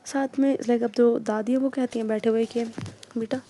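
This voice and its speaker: A woman's voice: on the high side, fairly even intonation, normal speed, warm tone, a little hiss or hum. A woman narrating an audio story casually, often slipping English filler words into her telling.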